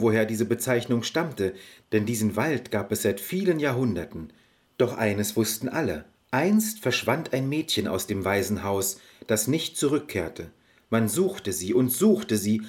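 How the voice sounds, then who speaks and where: A man narrating a fairy-tale audio story in an expressive storybook manner. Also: fairly low pitch.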